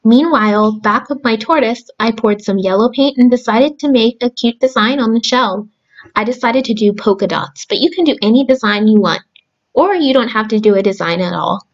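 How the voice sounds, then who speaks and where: A young adult woman speaking to children in simple, deliberate phrases, as a storyteller and craft host. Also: a little high, dull audio. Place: small room at home, indoors.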